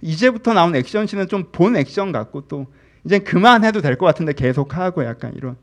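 A man in his thirties, a pastor, preaching a candid, conversational sermon. He shares personal stories, drops into soft murmurs and rises again to animated emphasis. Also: a little high, fast.

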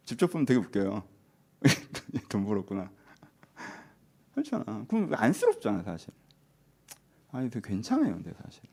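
Lively conversational male preacher. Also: mid-range voice, a little fast, vocal fry, pauses often, slightly rough. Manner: conversational preaching with acted-out asides. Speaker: pastor. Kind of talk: sermon.

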